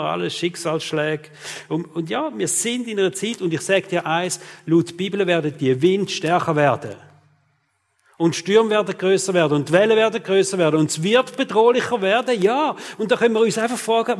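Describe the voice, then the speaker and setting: A man's voice: a little high, big-room sound. A man, preaching a sermon as pastor and talking straight to his listeners, often tagging his sentences with "oder?". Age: 40s.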